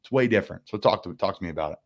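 A man in his twenties hosting a casual interview, talking with enthusiasm and quick asides. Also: sits low, lively intonation, husky. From United States. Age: 20s. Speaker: podcast host.

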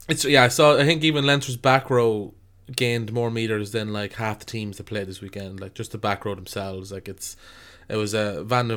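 A man with an Irish accent hosts a casual podcast. His voice is bright and very clear at a medium pitch, and his manner is jokey. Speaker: podcast host. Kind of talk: casual chat.

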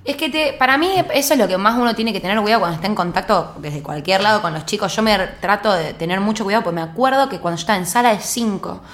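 A woman in her twenties with a Rioplatense Argentine accent tells childhood stories on a podcast. She talks fast, at a middling pitch, in an animated, laughing way. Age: 20s. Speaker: podcast guest. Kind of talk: casual storytelling chat.

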